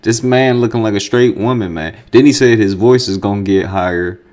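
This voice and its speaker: A man hosting a reaction video, talking in a casual, slangy way and swearing freely. His voice sits a bit low. He sounds animated and openly incredulous. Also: a little fast.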